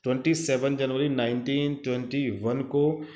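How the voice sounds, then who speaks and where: A man teaches a commerce lesson in a classroom lecture, mixing English terms into Hindi while repeating dates and answering his own questions. His medium-pitched voice is steady, unhurried and a little mellow, and the sound is roomy.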